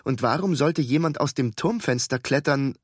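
A man's voice: medium pitch, breathy edge, no echo. Male audiobook narrator, dry close sound. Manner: calm, measured storytelling. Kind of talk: scripted narration.

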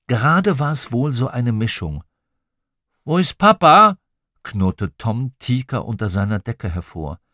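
A man narrating a children's audiobook, telling the story in a lively, expressive way into a close studio mic. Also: medium pitch, measured pace, hardly any pauses, no room sound. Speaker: audiobook reader.

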